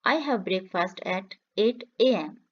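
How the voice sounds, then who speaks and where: A woman's voice: mid-range voice, animated, lo-fi sound. Woman reading practice phrases twice. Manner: says each line twice, clear and measured. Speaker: English teacher. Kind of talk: slow repeated phrase reading for learners.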